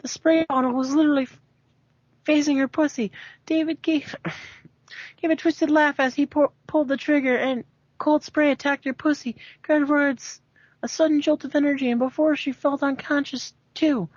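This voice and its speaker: A woman reads a fanfiction story aloud as an amateur, stumbling over words, sounding amused, and tossing in casual asides during her dramatic reading. Her high voice is steady and a little mellow at a moderate pace, in a dry, muffled home recording with no echo.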